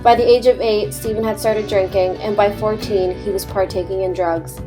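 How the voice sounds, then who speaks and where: A woman's voice: medium pitch, fairly even intonation, normal speed. A young woman reading a scripted documentary narration in an earnest, read-aloud way. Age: young adult. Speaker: student narrator. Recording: music bed under voice.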